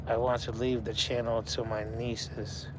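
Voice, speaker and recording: A man's voice: mid-range voice, little pitch movement, measured pace, background noise. A man in his forties, chatting casually on a livestream and talking to his viewers by name. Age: 40s. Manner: laid-back, talks to chat viewers by name. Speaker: livestream host. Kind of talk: casual live chat.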